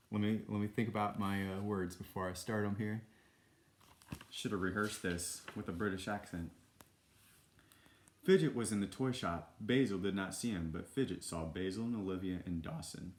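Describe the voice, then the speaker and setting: A man's voice: low voice, steady tone, normal speed, roomy sound. A man reading a children's storybook aloud, with casual, self-deprecating asides. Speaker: storybook reader.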